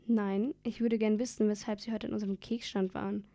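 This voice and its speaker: A curious, blunt young girl playing detective at a Christmas market, as a woman puts her on. Mellow and flat in pitch, read like a storybook. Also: brisk, natural voice.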